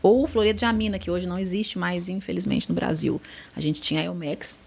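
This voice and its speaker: A woman's voice: lowish voice, steady tone, fast talker, vocal fry, a little mellow. A Brazilian woman speaks as a dentist guest on a casual podcast. She explains things patiently, leaning on everyday examples and repeating her key points for emphasis. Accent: Brazilian Portuguese.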